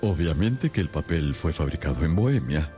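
A courteous doctor, loyal companion and storyteller of a radio drama. His voice is very deep and expressive, with an earnest, measured delivery. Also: soft background music. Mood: puzzled, earnest. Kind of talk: radio drama acting and scripted narration.

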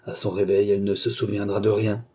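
Mysterious mesmerist count, commanding and insistent, voiced by a man with a mellow husky tone, audiobook. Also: lowish voice, level tone, fairly quick. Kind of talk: audiobook character reading.

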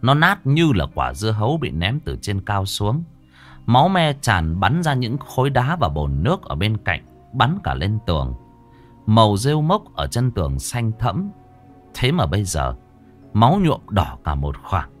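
Low-voiced man narrating a ghost story. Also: wildly swooping pitch, a little slow, faint music behind. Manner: dramatic, lingering on gruesome detail. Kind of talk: scripted horror story narration.

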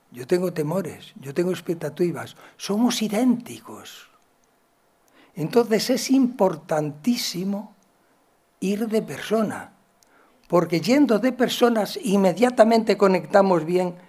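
A man from gives a talk, telling stories from his work as a psychologist and acting out the dialogue with big swings in loudness. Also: fairly high pitch. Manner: animated, acts out dialogue with shifts in loudness. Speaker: psychologist and educator giving a talk. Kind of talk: storytelling lecture.

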